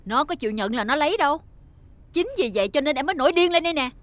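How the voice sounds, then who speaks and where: A shrill, scolding rich mother. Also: expressive, very fast, fairly bright tone, dry recording. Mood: accusing. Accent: Southern Vietnamese. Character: wealthy mother, doting to her son, harsh to his friend. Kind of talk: TV drama acting.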